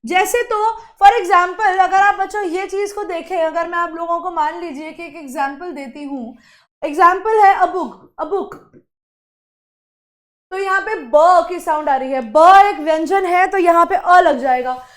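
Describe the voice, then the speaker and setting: A woman's voice: extremely high pitch, a little slow, fairly bright tone. A woman teacher explaining a lesson to students, asking questions and answering them herself. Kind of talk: classroom lesson.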